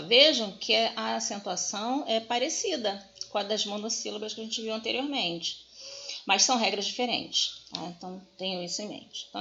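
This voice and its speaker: A woman's voice: mid-range voice, vocal fry, sharp tone, highs cut off. A woman teaching a grammar lesson, speaking directly to her students and stressing each example word.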